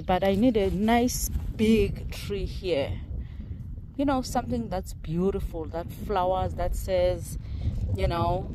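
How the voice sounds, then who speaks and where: Rambling and chatty, this middle-aged South African vlogger walks and talks across windy, dry rural farmland, laughing easily as she wanders into asides. She speaks in a fairly low, dark-toned voice. The handheld phone mic at arm's length gives a rough recording with clearly audible wind noise.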